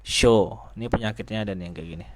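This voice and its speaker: A man's voice: medium pitch, normal speed, no echo. A man teaching students how to pronounce letters, in a casual manner, asking the class questions and answering them himself. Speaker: Quran recitation teacher. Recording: noisy recording with clicks.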